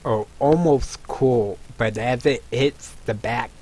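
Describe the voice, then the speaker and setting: Slow-talking male game master. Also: mid-range voice, a little mellow, slightly rough. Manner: halting, many restarts and laughs. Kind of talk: narrating a tabletop game.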